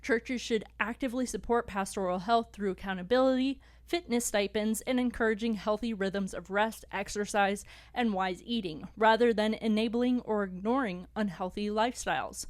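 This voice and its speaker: A woman's voice: mid-range voice, moderate pace, hardly any pauses, no echo. Podcast host: young woman, easy laugh, dry studio mic. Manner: laughs often, reads smoothly. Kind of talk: casual chat and reading an article summary.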